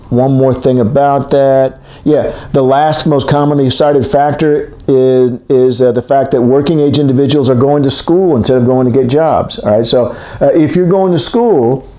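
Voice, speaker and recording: In an echoey room, a man in his sixties delivers a recorded economics lecture in a mellow, medium-pitched voice. He speaks in a loose, chatty way, wandering and self-correcting mid-sentence.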